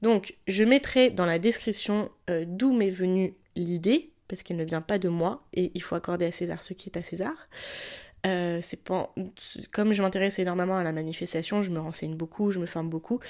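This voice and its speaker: A woman's voice: lowish voice, fairly even intonation, normal speed, darkish tone. Woman podcaster with a thick, swollen-tonsils voice. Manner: informal, motivational, addressing listeners directly. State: sick with a throat infection. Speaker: podcast host. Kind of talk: casual solo podcast talk.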